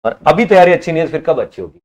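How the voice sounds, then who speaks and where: A man teaching an online exam-prep class, quizzing students and repeating each answer, at times scolding them for slow replies. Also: a little high, animated, a little mellow.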